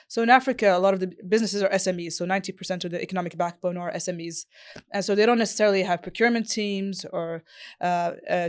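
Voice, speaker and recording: A woman's voice: mid-range voice, a little mellow. A woman from Morocco, a business founder and interview guest, who answers fluently and thoughtfully with frequent fillers.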